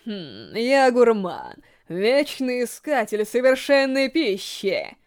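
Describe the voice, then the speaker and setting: A woman voicing a refined, sinister male ghoul gourmet in a storybook reading, slow and theatrical. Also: a little high, sing-song, exaggerated voice. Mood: savoring. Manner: slow, savoring, theatrical delivery.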